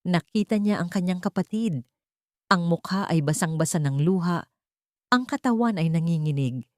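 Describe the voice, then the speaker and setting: A woman narrating an audiobook reads a scripted dramatic story in a Filipino accent, her voice fairly low and darkish in tone. The studio sound is clean and dry.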